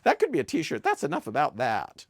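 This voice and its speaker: A woman's voice: sits low, wildly swooping pitch, fairly quick, breathy edge, no echo, studio quality. A woman co-hosting a casual comedy chat show, teasing and theatrical, with a habit of repeating catchphrases. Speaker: co-host.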